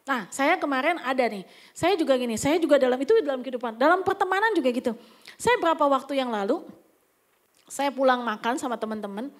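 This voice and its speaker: A woman pastor, giving a chatty, anecdotal sermon at a church service with occasional whispered asides. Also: high-pitched. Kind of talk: conversational sermon.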